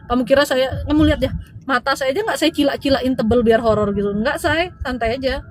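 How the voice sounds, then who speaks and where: A woman's voice: sits high, quick pace. A woman with a Balinese Indonesian accent, hosting a live stream as a spiritual healer in a chatty, teasing way and calling viewers dear. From Bali, Indonesia. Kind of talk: casual live-stream chat.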